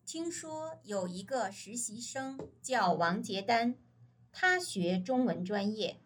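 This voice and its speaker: A woman reading a scripted textbook dialogue for a language lesson, speaking slowly and carefully. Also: a little high, very animated, slight background noise. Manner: slow, careful enunciation.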